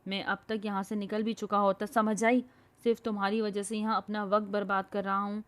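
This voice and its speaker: A woman's voice: medium pitch, little pitch movement, lightly acted. A woman voicing a patient but irritable young man who speaks sternly and curtly, in a storybook reading. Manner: stern, curt and fed up.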